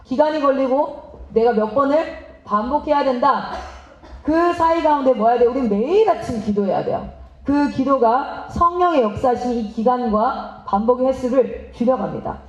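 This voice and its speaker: Female missionary seminar speaker, very high and lively, engages the audience, roomy hall sound. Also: moderate pace. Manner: animated, asks the audience questions and acts out parents and children. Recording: roomy, slightly dull hall recording.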